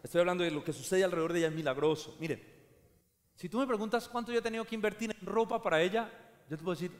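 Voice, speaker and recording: A man with a Colombian accent preaching a sermon as a pastor, emphatic and rising to shouts, recorded in a large church hall. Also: sits high, racing. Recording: long hall reverb.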